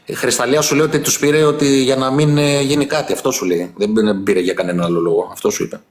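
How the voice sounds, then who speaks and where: Brief: man, mid-pitched voice, soothing mediator on a live stream. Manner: soothing, repeats calming words.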